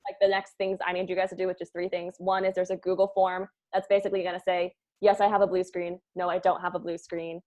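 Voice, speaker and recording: Running the cast table-read for her own show, this woman keeps things casual, rambling, and full of jokes. She talks quickly with few pauses in a fairly low, level voice that sounds a little mellow, with the top end of the audio cut off.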